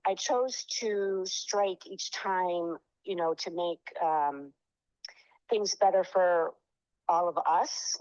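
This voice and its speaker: A woman's voice: on the low side, a little mellow, no echo. A middle-aged woman giving testimony at a public hearing by phone, heard over a speakerphone, hesitant with many ums and uhs. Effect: heard over a speakerphone call. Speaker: union member giving testimony. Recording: dull lo-fi phone sound.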